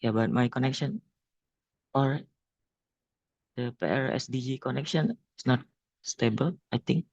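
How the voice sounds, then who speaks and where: A man speaks over a bad video-call connection. His voice is gravelly and dull, with a dry, close sound. He talks in a halting, apologetic way while he asks his question. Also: mid-range voice, a little mellow, no echo. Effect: unstable video-call connection. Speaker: audience member asking a question. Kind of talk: question in a lecture Q&A. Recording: muffled lo-fi video call audio.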